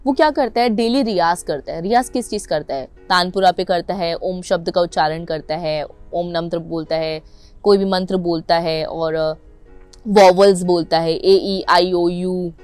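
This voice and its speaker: A young adult Indian woman teaching public speaking to camera, mixing English into Hindi with an Indian English accent and stressing her words emphatically. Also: fairly low pitch. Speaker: anchoring and public speaking coach.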